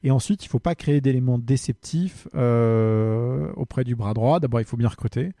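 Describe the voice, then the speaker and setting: A man hosts a casual solo podcast and answers listener questions, pausing often to search for words. His voice is very dark and mellow. The recording is close and dry. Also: medium pitch, no room sound. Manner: hesitant, full of fillers, friendly.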